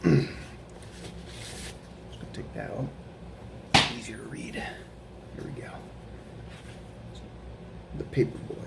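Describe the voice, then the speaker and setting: A man with a fairly low, expressive voice and some vocal fry reads a children's picture book aloud as a guest reader, stopping to ask the young listeners questions. His reading is slow and gentle, and there's heavy background noise.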